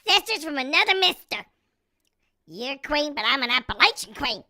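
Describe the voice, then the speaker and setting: Voice-changer cat: proud purebred queen, bright edge, dry close sound, a man voicing her. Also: very high voice, very animated, normal speed, no room sound, voice pushed up, exaggerated voice. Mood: sassy. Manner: sassy, boastful, drawling. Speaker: streamer voicing his cats.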